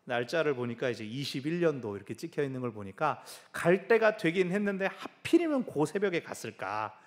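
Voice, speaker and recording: A middle-aged male pastor delivers a sermon in church, his voice sitting a little high and swinging widely in pitch. He tells stories animatedly, even imitating sounds with his mouth, in an expressive preaching style. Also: a little fast. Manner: animated storytelling with sound effects.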